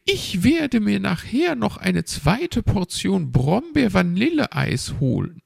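A man putting on a shrill prying magpie lady. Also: very animated, slow pace, vocal fry, darkish tone, slightly rough, dry recording, clean studio sound, heavily acted. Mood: chirpy, prying. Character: nagging chatty female magpie lady. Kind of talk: storybook reading.

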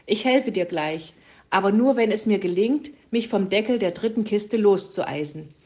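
A woman's voice: medium pitch, animated, moderate pace, a little mellow, close to an everyday voice. Woman doing a clumsy little owl. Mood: earnest.

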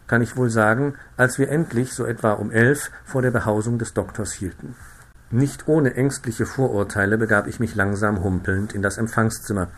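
A man's voice: mid-range voice, slight background noise. Man reading a classic story. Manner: measured, expressive storytelling. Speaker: reader. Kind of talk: literary audiobook narration.

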